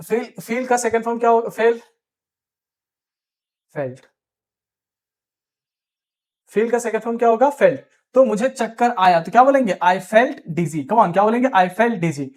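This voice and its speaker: High-voiced Indian man teaching English. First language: Hindi. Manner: drills phrases, slow emphatic English, urging repetition. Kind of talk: classroom lesson.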